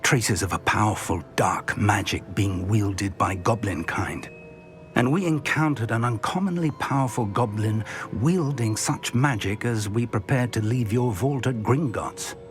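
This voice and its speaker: An actor playing an older scholarly professor in a video game, speaking in an earnest, formal and courteous way. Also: male voice, lowish voice, a little slow, faint music behind, natural voice. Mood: urgent, respectful. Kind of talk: scripted game dialogue.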